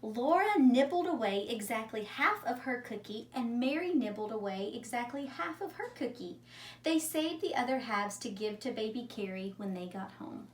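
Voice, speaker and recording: A woman teacher reads a story aloud to young children in a slightly high, animated voice at normal speed. Her wording is simple and she poses questions to them, recorded through a distant mic in an echoey room with faint noise.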